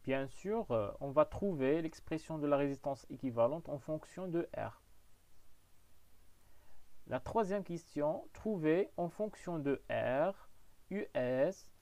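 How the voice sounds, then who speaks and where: A physics teacher, giving a classroom lesson and explaining step by step, often saying "donc" and "voilà". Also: male voice, fairly high pitch, expressive, slow pace, a little mellow, no room sound. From Morocco.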